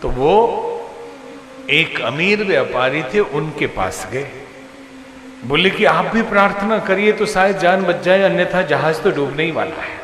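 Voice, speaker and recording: A man's voice: fairly high pitch, expressive, measured pace, a bit bright, reverberant, long reverb tail, a little hiss or hum. A man preaching a devotional sermon, telling parables and acting out the characters' lines with a voice that rises and falls. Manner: storytelling, acting out characters with rising and falling voice. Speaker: spiritual preacher.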